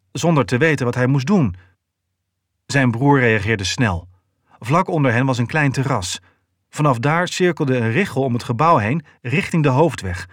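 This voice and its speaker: A man reading a novel aloud in a steady, even storytelling voice. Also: mid-range voice, no room sound, studio quality. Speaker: audiobook narrator. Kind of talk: scripted narration.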